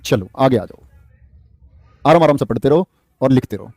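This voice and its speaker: A man's voice: mid-range voice, animated, normal speed, mellow, no room sound, clean studio sound. A man teaches grammar in a live online class, quizzing his students and reading out their comments. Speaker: Hindi exam-prep teacher.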